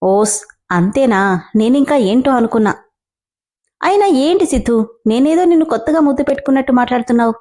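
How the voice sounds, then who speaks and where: A woman's voice: on the high side, expressive, a little fast, long pauses, dark tone. A woman voicing a naive, clingy young woman who talks in a pleading, girlish way in a story reading.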